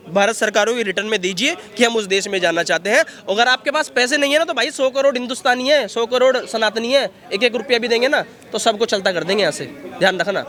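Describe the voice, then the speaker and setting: A man with a very high, bright voice rants forcefully in a street interview. He talks outdoors in a city and piles up repeated phrases as he argues. His tone is sharp and insistent. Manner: forceful, repetitive ranting. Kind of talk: heated street vox pop.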